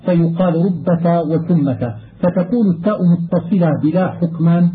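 A man teaching Quran recitation, reading a classical scholarly text aloud in a steady manner and lifting his voice to recite verses. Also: high-pitched. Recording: tinny phone-like radio recording.

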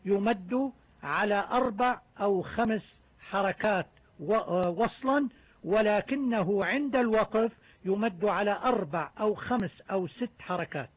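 Guy teaching recitation rules, high voice, sounds like it's over a phone line, calm and step by step. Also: slightly rough, dry recording. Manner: methodical, measured explanation. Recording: narrow tinny phone-like sound.

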